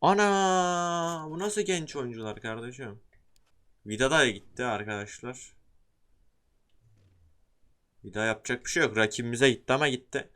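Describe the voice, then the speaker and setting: A young man with a mid-pitched voice talks through a football career game. His delivery is excitable and slangy, and he swings from loud enthusiasm to muttered asides as he addresses the screen and his viewers. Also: fairly quick. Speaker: gaming YouTuber. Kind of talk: casual gameplay commentary.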